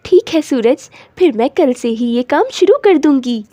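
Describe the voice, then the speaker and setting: Woman playing a sweet cartoon wife, high mellow voice, yielding tone. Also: lively intonation, moderate pace. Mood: gentle. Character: gentle, devoted young wife Sumita.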